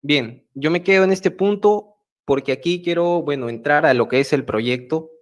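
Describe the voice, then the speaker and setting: A man from Peru's central Andes with a Peruvian Spanish accent, giving a measured prepared talk at an online meeting, pausing often with hesitant fillers. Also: on the high side. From Peru, central Andes. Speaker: speaker at an online project meeting. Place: home, remote video call. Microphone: video call mic.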